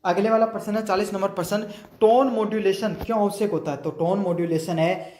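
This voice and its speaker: A man's voice: high voice, steady tone, a little fast, a little mellow, roomy sound, a little hiss or hum. A man tutoring students through exam questions, asking his own questions aloud, answering them and repeating each point in other words. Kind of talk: explaining multiple-choice answers.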